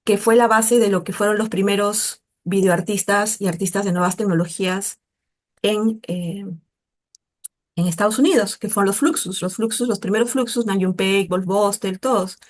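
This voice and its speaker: A middle-aged Peruvian woman in a casual interview, talking in a chatty, animated way and often tagging her sentences with a questioning "¿no?". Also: mid-range voice, normal speed. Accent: Peruvian Spanish. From Peru. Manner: chatty, animated, mimics voices in quotes, frequent "¿no?". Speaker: interviewee, artist.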